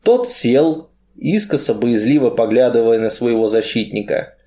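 A man reading literary prose aloud as a storybook narrator, in a measured, expressive way. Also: medium pitch.

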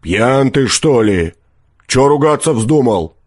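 A man doing a gruff stern forester. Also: lowish voice, steady tone, measured pace, darkish tone, no room sound, studio quality. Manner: curt, stern, grumbling.

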